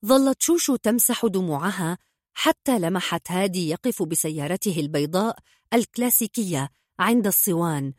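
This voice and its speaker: Woman, audiobook narration, steady storytelling, dry close sound. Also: no echo. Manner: steady storytelling, dips low for characters' lines. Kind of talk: scripted narration.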